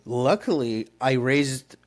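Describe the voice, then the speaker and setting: A man's voice: medium pitch, takes it slowly. A middle-aged man from Turkey, a startup founder, telling his story in an interview with an earnest, rambling manner full of fillers and restarts.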